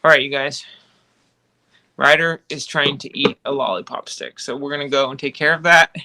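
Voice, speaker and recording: A woman co-hosting a casual livestream, chatty and self-deprecating in an animated way. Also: very deep voice, normal speed. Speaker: channel co-host.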